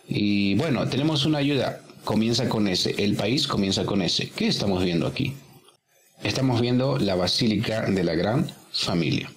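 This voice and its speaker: A man's voice: lowish voice, lively intonation, normal speed. A man teaching English, working through a workbook exercise step by step and patiently repeating each answer.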